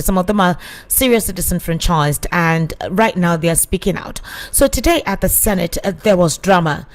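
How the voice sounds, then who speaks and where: A woman hosting a radio show, explaining political news in a measured way. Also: fairly low pitch. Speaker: radio host.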